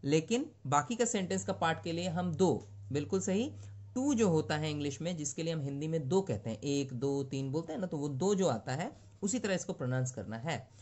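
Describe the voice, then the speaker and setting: A male teacher giving a grammar lesson to young students, reading each English example sentence slowly and then explaining it in Hindi. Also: on the high side, lively intonation, darkish tone. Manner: frequent check-ins to the class.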